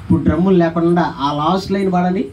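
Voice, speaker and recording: A man preaching a sermon as pastor, animated, calling on the congregation to answer aloud and acting out quoted voices. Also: high-pitched, quick pace, distant mic, slight background noise, rough recording.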